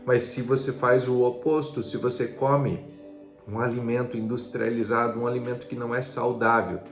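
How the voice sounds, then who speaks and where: A man's voice: mid-range voice, flat delivery, normal speed. A man preaching a devotional sermon, earnest and urging, asking the listener rhetorical questions. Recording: roomy with soft music behind. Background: soft background music.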